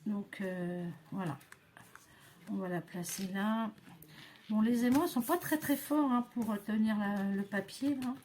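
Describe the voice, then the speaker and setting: A woman's voice: mid-range voice, a little slow, darkish tone, a little hiss or hum. A woman, demonstrating a craft project in a chatty, hesitant way, full of fillers and self-talk. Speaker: crafting tutorial host.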